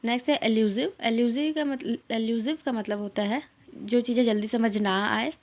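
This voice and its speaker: A young woman teaching English vocabulary in an online lesson. She mixes English words into her explanations and reads example sentences slowly. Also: on the high side, steady tone. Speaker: English teacher for exam aspirants.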